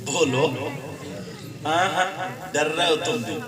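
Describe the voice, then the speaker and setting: A man's voice: fairly high pitch, takes it slowly, crowd noise. A man preaching a religious sermon to a gathering in a melodic, chanting delivery. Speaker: Islamic preacher. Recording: echoey, distant sound with loud music.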